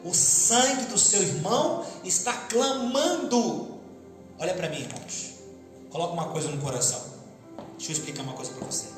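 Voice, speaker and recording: Brazilian male pastor, high voice, animated call-and-response sermon, reverberant church hall with music under. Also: normal speed. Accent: Brazilian Portuguese. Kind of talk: Pentecostal sermon. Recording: echoey hall with music behind.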